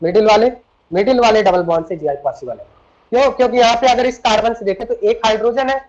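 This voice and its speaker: Hindi-English mixing chemistry teacher, dull recording. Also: male voice, sits high, quick pace, a little mellow. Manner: explains step by step, keeps asking students questions. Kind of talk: classroom lecture.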